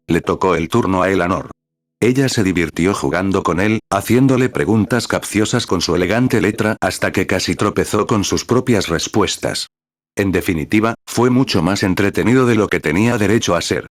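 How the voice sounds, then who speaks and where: A man reading a story aloud in scripted narration with an even, measured delivery. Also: low-pitched, dry recording.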